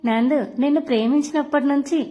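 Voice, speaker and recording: A woman's voice: sits high, fairly quick, lightly acted. A woman voicing a shy young bride. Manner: bashful, softly shy.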